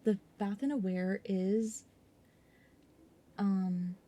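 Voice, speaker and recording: A woman hosting a casual ASMR livestream in a hushed, playful, teasing way, often slipping into a whisper. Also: mid-range voice, fairly even intonation, very slow. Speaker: livestreamer host.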